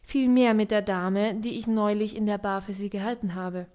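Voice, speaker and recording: A woman's voice: medium pitch, fairly even intonation, moderate pace, mellow, natural voice. A woman reading the part of an ironic, melancholy young baron in an audiobook, with a dry, subdued way of talking. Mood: earnest.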